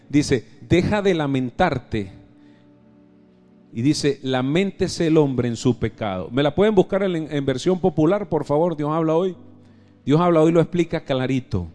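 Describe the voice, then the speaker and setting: A man with a Venezuelan accent preaching a live church sermon, emphatic, firing questions at the congregation and swinging from loud exclamations to soft low asides. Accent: Venezuelan Spanish. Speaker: pastor. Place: church service.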